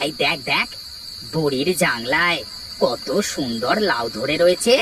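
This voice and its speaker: A woman's voice: low-pitched, unhurried, noisy background. Woman voicing a weary, timid thief. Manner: tired, hesitant. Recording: background music.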